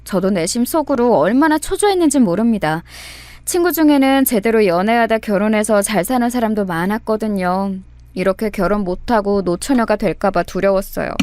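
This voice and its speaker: Lively woman telling a radio story. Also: mid-range voice, no room sound. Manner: chatty, confiding, lively first-person telling. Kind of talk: radio story narration with acted dialogue.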